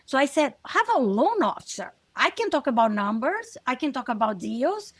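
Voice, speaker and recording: A woman in her forties from Brazil with a Brazilian Portuguese accent, telling her story as an interview guest over a video call from home, animated and talking with her hands. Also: sits high, normal speed. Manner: animated, gestures with her hands, simple phrasing. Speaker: guest, loan officer and investor. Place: home living room. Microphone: earbud on video call.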